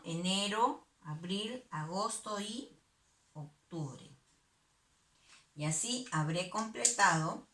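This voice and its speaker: A woman's voice: medium pitch, fairly bright tone, reverberant. A woman teacher giving a virtual math lesson to young pupils, patiently asking and answering her own questions. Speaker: primary school teacher.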